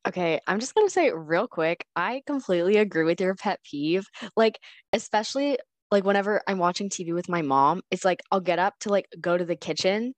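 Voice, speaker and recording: A woman's voice: on the low side, lively intonation, a little fast, dry recording. A young woman hosting a podcast in a casual, chatty way. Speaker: podcast host.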